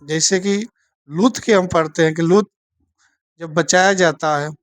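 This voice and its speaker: A woman teaching a Bible study, speaking slowly and checking in with her listeners after almost every point. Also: fairly low pitch, fairly even intonation, dry recording, clean studio sound. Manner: slow, keeps asking "theek hai na?".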